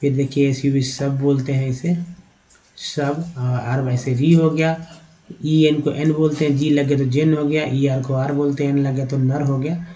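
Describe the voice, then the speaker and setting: A level, warm, medium-pitched male voice comes through a low-quality recording. With an Indian accent, he teaches an online English lesson, spelling each word letter by letter, sounding it out slowly, and repeatedly urging viewers with "dekhiye."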